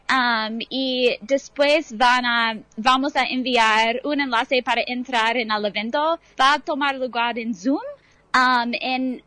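American-accented woman, high-pitched, careful non-native Spanish. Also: fairly bright tone, no echo. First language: English. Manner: careful, halting speech with mistakes. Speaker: university anthropologist and event organizer, interview guest. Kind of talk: interview answers in careful second-language Spanish.

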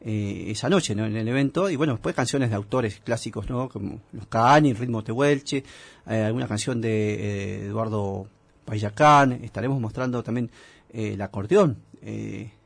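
A middle-aged man with an Argentine accent and a gravelly voice, talking casually as an interview guest in a rambling, halting way. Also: fairly low pitch, dry recording. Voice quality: gravelly, husky. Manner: rambling, halting, seeks agreement.

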